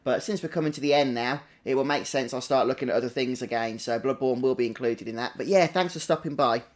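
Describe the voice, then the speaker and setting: A British man with a mid-range voice talks fast, hosting a game livestream with casual live commentary. He's chatty and greets viewers one by one.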